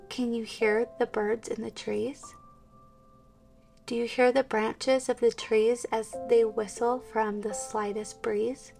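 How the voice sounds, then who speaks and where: Soft slow woman guiding meditation. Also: on the high side, creaky. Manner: slow, soft, soothing, drifting into whispers. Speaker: meditation guide. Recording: distant mic with soft instrumental music.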